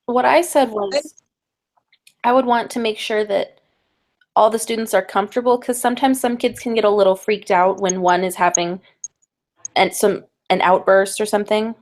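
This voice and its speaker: A woman's voice: medium pitch, fairly even intonation, moderate pace. Young woman student reading out her answer. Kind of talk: casual group discussion.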